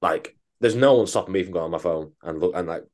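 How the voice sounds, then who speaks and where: A man's voice: sits low, fast talker, a little mellow. A man co-hosting a podcast, chatting casually in a rambling, sweary, joking way. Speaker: podcast co-host.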